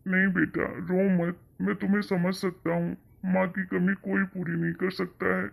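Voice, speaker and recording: A man voicing a gentle, affectionate elderly father in a cartoon story, talking in a soothing, coaxing way. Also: high-pitched, flat delivery, normal speed, vocal fry, heavily acted. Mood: consoling. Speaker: father and grandfather. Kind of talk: Hindi cartoon moral-story voice acting. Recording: tinny phone-like sound.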